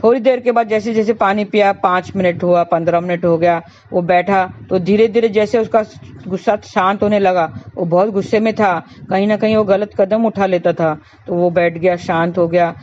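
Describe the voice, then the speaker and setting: A woman's voice: mid-range voice, steady tone, normal speed, darkish tone, a little hiss or hum. A woman telling a moral story in a preachy, repetitive way and addressing listeners as friends, in a slightly dull recording. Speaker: astrologer and storyteller.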